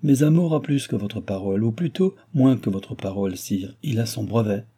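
Man doing a flirty scheming countess, raised voice but husky, audiobook. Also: on the low side, animated, normal speed, dark tone. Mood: insistent. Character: coaxing scheming court countess, woman, playful.

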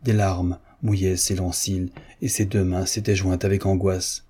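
A man narrating a classic novel in a measured, unhurried reading. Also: low voice, flat delivery, mellow, breathy edge. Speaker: audiobook reader. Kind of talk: scripted narration.

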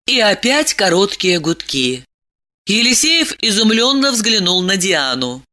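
A woman narrating an audiobook in a dramatic, expressive reading. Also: mid-range voice, measured pace.

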